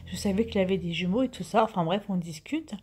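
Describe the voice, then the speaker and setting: A woman's voice: medium pitch, fast talker, darkish tone, husky. A woman in her fifties telling a story to her viewers in a chatty way, full of fillers and restarts, sometimes dropping to a whisper. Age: 50s. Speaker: vlogger.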